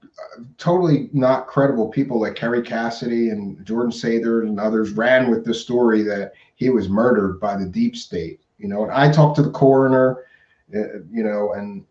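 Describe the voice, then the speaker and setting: A man's voice: mid-range voice, normal speed, darkish tone. A man hosting a live talk show in a casual, chatty, colloquial way. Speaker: live stream host. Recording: roomy, dull lo-fi stream audio.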